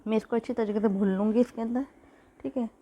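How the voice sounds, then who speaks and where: A woman's voice: fairly high pitch, fairly even intonation, fast, dark tone. Woman with a sore throat, cooking tutorial. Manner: chatty, repeats "theek hai" often. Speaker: cooking channel host. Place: home kitchen. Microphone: phone.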